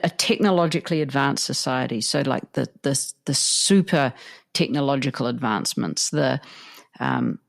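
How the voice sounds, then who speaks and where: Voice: mid-range voice, vocal fry. A podcast co-host with a New Zealand accent, asking reflective questions and musing aloud with fillers and restarts. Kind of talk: casual conversational questions.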